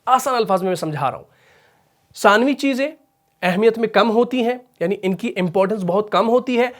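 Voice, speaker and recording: A man teaching a recitation class, explaining patiently and slowly, asking questions and answering them himself. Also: sits high. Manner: patient, slow and deliberate explanation. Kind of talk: explanatory lesson.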